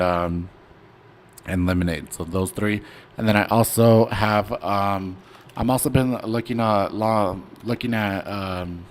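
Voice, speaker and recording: A young man chats loosely through a trading stream in a fairly low voice, filling gaps with ums and slang. Soft background noise sits under his talk. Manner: laid-back, rambling, slangy with many fillers. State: hiccuping. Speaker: stock trading stream host. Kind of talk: casual livestream chart talk.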